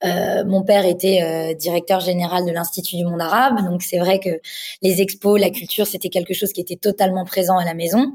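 A woman in her thirties from France, a designer speaking as a guest in a relaxed interview, passionate and pausing often on fillers. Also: fairly low pitch, husky. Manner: passionate, hesitant with frequent fillers. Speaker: guest, wedding dress designer. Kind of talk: casual interview chat.

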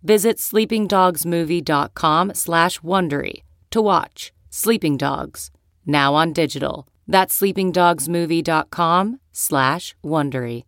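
A woman's voice: fairly low pitch, takes it slowly, no echo, clean studio sound. A woman announcer reading a scripted advertisement for a film.

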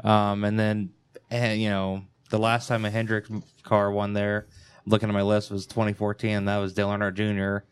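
A man talks hesitantly on a casual podcast, pausing with ums and restarting. His voice is low and flat in tone, with a smooth, clean sound. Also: dry recording. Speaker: podcast co-host. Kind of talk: casual sports podcast chat.

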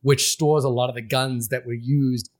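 A man's voice: mid-range voice, fairly even intonation, normal speed. A man from Fiji, a podcast co-host, talking through a film in casual, rambling chat full of restarts and fillers.

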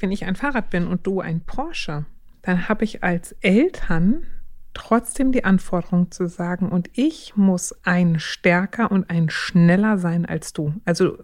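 A woman gives parenting advice in a relaxed podcast conversation. She keeps slipping into short voiced scenes between a parent and a child. Her pitch sits in the middle for a woman. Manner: warm, animated, acts out little scenes with parents and children. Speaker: parenting expert guest. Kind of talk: casual podcast advice talk.

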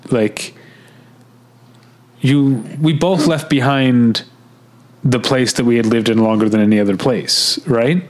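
A man's voice: mid-range voice, unhurried, long pauses. A man, chatting casually as a podcast co-host. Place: new home room with bare walls.

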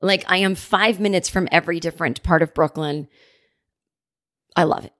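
Woman podcast host, lower register, loose rambling chat from home. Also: moderate pace, dry recording, clean studio sound. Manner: chatty, rambling, laughs often. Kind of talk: casual chat.

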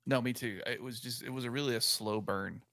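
Gravelly man in his forties. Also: mid-range voice, fairly even intonation, brisk, fairly bright tone, dry recording, clean studio sound. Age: 40s. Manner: rambling, self-correcting, watching and reacting live. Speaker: podcast co-host. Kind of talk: casual sports chat.

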